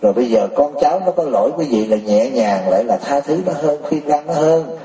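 A man's voice: medium pitch, expressive, brisk, heavy background noise. A man giving a Buddhist sermon, pressing his listeners with rhetorical questions and often laughing as he talks. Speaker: Buddhist teacher. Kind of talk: sermon to a congregation. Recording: roomy, distant mic.

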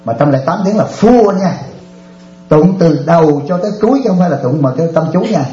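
A man's voice: fairly high pitch, fairly quick, roomy sound, lo-fi sound, slight background noise. A Buddhist monk, animatedly telling stories in a dharma talk and often laughing with his audience. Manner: animated storyteller, often laughing, addresses listeners directly.

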